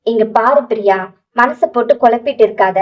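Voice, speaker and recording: A woman voicing a young male hero in a romance story, tender but gruff, scolding with endearments. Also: fairly high pitch, moderate pace, distant mic, natural voice, rough recording. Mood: soothing.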